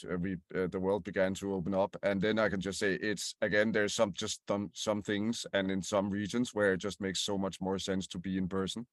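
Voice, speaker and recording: A man's voice: on the low side, dry recording, studio quality. A man, a guest on a podcast, answering questions with many fillers and repeated words. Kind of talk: interview answers.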